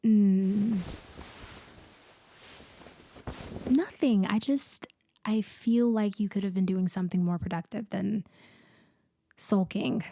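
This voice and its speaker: In an intimate comfort roleplay ASMR, a woman voicing an audio roleplay plays a blunt, caring best friend in a casual one-sided conversation, her mood teasing and blunt. Her medium-pitched voice is mellow and conversational, unhurried, with fairly even intonation and small hesitant pauses. The sound is close and very dry, with no echo.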